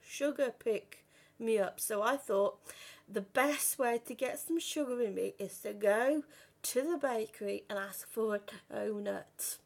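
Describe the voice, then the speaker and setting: A woman's voice: fairly high pitch, a little slow, creaky. A woman in her thirties who stammers, talking to camera about her own life with repeated and broken-off words. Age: 30s. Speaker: vlogger. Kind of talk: personal talk to camera.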